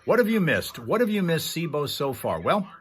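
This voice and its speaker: A man's voice: fairly high pitch, sing-song, normal speed. A man hosting a livestream, chatting casually to viewers in a rambling, conversational storytelling manner. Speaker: livestream host. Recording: clear background noise.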